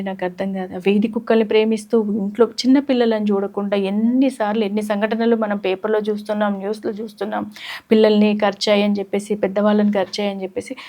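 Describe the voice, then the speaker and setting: A woman hosting a talk channel, indignant and quick to agree. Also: mid-range voice, darkish tone. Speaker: host.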